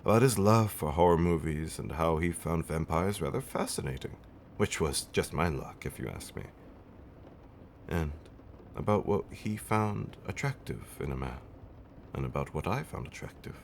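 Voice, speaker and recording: In an ASMR roleplay, a man with a low, creaky, expressive voice plays an affectionate vampire husband centuries old, in a wistful, fond mood at a moderate pace. He tells his tale theatrically in antique wording, teasing and tender, moving between dramatic swells and hushed whispers in full character voice. Faint ambience and slight background noise sit behind him.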